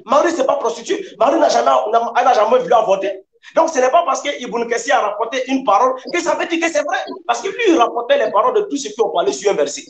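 A man's voice: very high-pitched, lively intonation, fast talker. A man debating heatedly, combative and emphatic, hammering his points by repeating them. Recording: echoey room sound.

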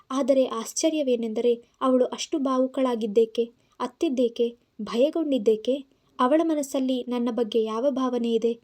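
A woman's voice: a little high, mellow. A woman narrating an audio story in Kannada-accented speech, voicing the characters' lines herself.

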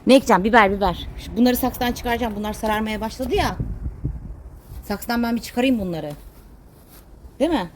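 A woman's voice: fairly high pitch, a little fast, pauses often, a little hiss or hum. Chatty woman vlogging her chores. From Turkey. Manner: chatty, talks to pets and plants. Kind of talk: casual chat while doing chores. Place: home and garden.

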